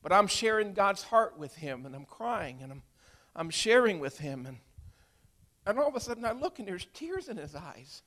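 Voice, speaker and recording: A man in his sixties, a preacher, telling a heartfelt story in a sermon, swinging from hushed to loud. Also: high-pitched, big pitch swings, normal speed. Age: 60s. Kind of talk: emotional sermon testimony.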